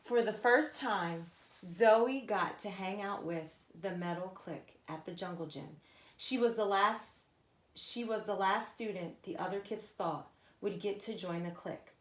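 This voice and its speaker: In an echoey, roomy recording, a teacherly woman narrates a children's story for young listeners without hurrying. Her medium-pitched voice carries emphatic, expressive delivery.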